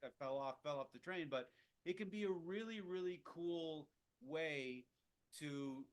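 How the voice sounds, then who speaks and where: A man's voice: on the high side, a little slow. A man leading a casual jazz improvisation lesson, rambling with lots of restarts and fillers. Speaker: jazz teacher.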